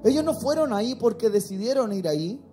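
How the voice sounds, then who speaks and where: High-pitched woman preaching a sermon. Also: expressive, fairly quick, dark tone, faint music behind. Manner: calls on the congregation to respond. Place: church.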